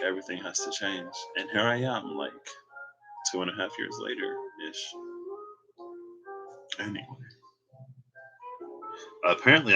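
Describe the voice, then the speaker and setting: In a low-quality recording, a man in his late twenties with a low-pitched voice does a casual spoken tarot reading. He talks candidly and reflectively as he reads the cards, laughing now and then.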